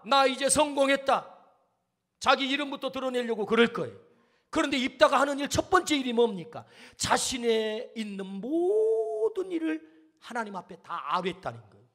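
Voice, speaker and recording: A man's voice: extremely high pitch, a bit bright. A male pastor preaching a sermon, emphatic, firing rhetorical questions and calling for amens.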